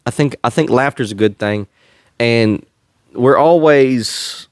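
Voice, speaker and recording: A man's voice: medium pitch, measured pace, clear, resonant tone, dry recording, clean studio sound. A man hosting a faith-based podcast, talking in an earnest, slightly preachy way and chuckling often. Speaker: podcast host. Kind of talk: faith-based casual chat.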